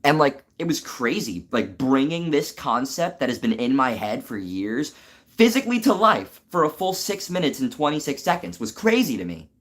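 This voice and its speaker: A man chatting on a live stream, excitable and rambling, full of fillers and restarts as he talks about his animated show. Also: medium pitch, moderate pace. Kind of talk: casual live stream chat.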